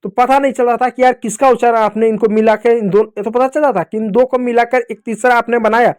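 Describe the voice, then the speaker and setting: Male teacher with a high voice and an Indian Hindi accent, patient classroom lesson for kids, asks and answers his own questions. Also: steady tone, brisk, darkish tone, clear, resonant tone.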